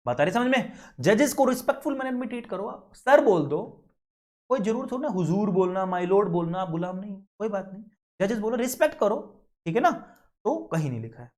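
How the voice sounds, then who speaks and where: An Indian man in his young adult years delivers a lecture in a high, lively voice. He talks to his students directly, scolding and joking with them, and slows down to read out English legal definitions. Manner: lively, scolding, switches between Hindi and English legal phrases. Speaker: teacher.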